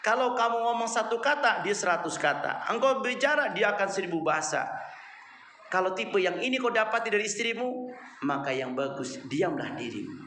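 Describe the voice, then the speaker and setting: A man preaching a lively, humorous religious lecture, weaving in Arabic phrases. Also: high voice, moderate pace, echoey room, a little hiss or hum.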